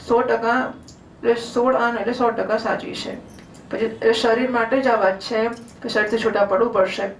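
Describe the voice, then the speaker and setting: A woman's voice: fairly high pitch, a little hiss or hum. A woman giving a devotional scripture discourse in a conversational way, often asking the audience questions. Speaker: religious storyteller. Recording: roomy hall, distant mic, faint ambience.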